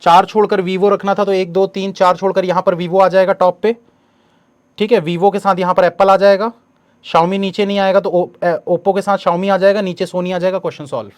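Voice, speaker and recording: A man, teaching an exam coaching lesson step by step and reading the questions slowly aloud. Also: sits high, little pitch movement, darkish tone.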